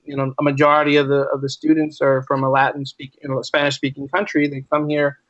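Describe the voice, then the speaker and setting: This male American teacher, a podcast interview guest, speaks quickly in a slightly high, fairly bright voice yet with a completely flat delivery. He's emphatic and conversational, repeating phrases for stress and asking rhetorical questions; the audio is slightly dull, with no echo and very little room sound.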